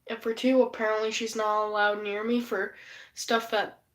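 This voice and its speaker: A woman's voice: mid-range voice, level tone, moderate pace, fairly bright tone. A woman who is sick and losing her voice, chatting casually on a live stream in a rambling, profane, gossipy way.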